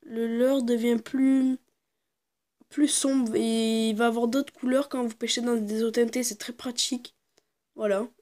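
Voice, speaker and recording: A woman casually presenting her fishing lures to the camera, hesitant and full of fillers, sometimes dropping into quiet asides. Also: a little high. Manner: hesitant, constant fillers and "voilà"; drops into quiet muttered asides. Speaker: fishing video maker.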